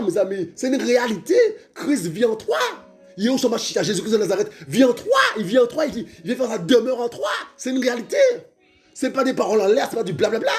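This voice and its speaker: Fervent high-voiced male preacher. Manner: fervent, repetitive, calls out to listeners, stammers, shouts at times.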